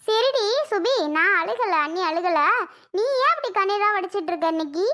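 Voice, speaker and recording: A woman's voice: extremely high pitch, animated, normal speed, sharp tone, full character voice. A blunt, bossy cartoon girl. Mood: consoling. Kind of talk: cartoon voice acting.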